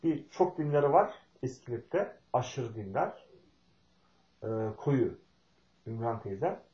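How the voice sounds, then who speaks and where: A middle-aged man from Turkey telling a folksy, meandering family story with pauses and fillers. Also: medium pitch, lively intonation, echoey room, highs cut off. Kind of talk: spoken talk with personal storytelling.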